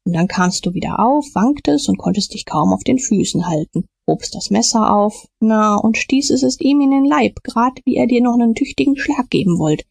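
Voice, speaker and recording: A woman voicing a rough, cold-hearted male murderer who speaks gruffly. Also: on the high side, expressive, normal speed, few pauses, darkish tone, dry recording, voice pushed up, heavily acted. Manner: gruff, growling.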